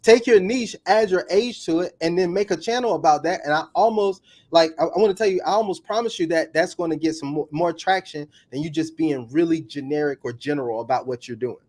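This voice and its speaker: A guest coach with a fairly high voice chats casually in an interview. Whenever an idea excites him he picks up speed and grows animated, energy coming out in quick bursts of enthusiasm.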